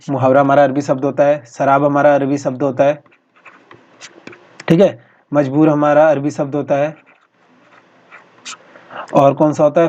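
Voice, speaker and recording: A male teacher going through practice exam questions in a steady, explanatory way, often repeating each answer. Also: fairly high pitch. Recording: dull lo-fi recording.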